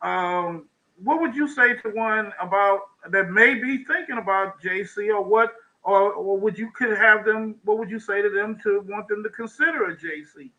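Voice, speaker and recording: A man hosting a talk show, interviewing a guest in a halting way, often repeating words and laughing. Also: high-pitched, pushed and bright, rough recording. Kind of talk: interviewing a guest over video call.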